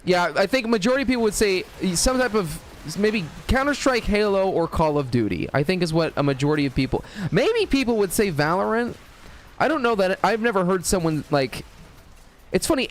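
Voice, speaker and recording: A man's voice: sits high, big pitch swings, fairly quick, a little hiss or hum. A man streaming a game, chatting casually in a rambling, hesitant way with many fillers and swearing at the game. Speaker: gaming streamer. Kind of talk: casual live-stream chat while gaming.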